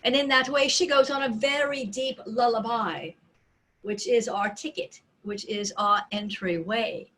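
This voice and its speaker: A woman speaking as a seance medium in trance, voicing a loving, serene spirit collective with solemn, deliberate phrasing and dramatic pauses. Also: on the high side, steady tone, a bit bright. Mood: welcoming, delighted.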